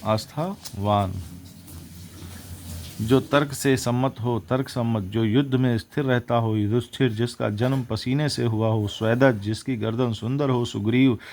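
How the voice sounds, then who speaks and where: A man's voice: mid-range voice, a little mellow. A man teaching exam vocabulary, reciting words and their opposites one after another and correcting himself as he goes.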